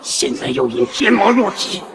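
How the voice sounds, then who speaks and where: An actor playing a menacing, mocking demon-lord villain in a fantasy drama, theatrically swinging between hiss and roar. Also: male voice, high voice, very animated, moderate pace, gravelly, heavily acted. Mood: contemptuous. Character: gloating, raging male demon-lord villain, half-step heavenly demon. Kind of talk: Chinese fantasy short-drama acting.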